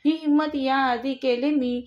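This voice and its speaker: A woman's voice: high-pitched, steady tone, measured pace. A woman voicing a brash, teasing young husband in a storybook reading, with a mocking, bossy manner. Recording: dull lo-fi recording.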